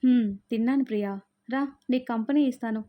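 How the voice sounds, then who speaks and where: A woman voicing a gentle, troubled young husband who speaks softly and coaxingly. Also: fairly high pitch, fairly even intonation, fairly quick, natural voice. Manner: soft, coaxing. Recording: dull lo-fi sound.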